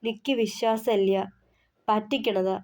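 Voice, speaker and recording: A woman's voice: mid-range voice, fairly even intonation, measured pace, lightly acted. A woman voicing a timid young wife who answers hesitantly and sulks. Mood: sulky. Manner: hesitant, sulky, soft-spoken.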